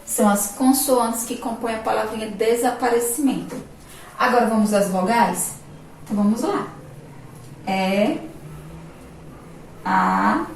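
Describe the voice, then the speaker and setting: A woman teacher with a Brazilian Portuguese accent giving a remote lesson to young children, spelling words out slowly, syllable by syllable. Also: medium pitch, slight background noise. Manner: slow, syllable-by-syllable teacher talk with diminutives. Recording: echoey distant room mic, faint ambience.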